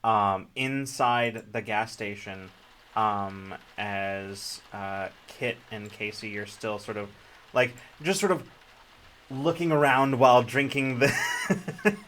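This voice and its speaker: A man running a tabletop role-playing game, narrating scenes in a relaxed, rambling way. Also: fairly low pitch, slight background noise. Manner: relaxed, filler-heavy narration with quick put-on voices. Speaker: game master.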